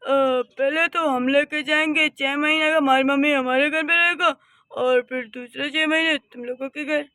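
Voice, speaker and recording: A voice actor playing two grasping grown sons in a cartoon story, wheedling and pushy. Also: female voice, sits high, steady tone, normal speed, bright, forceful tone, dry recording, studio quality. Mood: scheming. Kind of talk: cartoon voice acting.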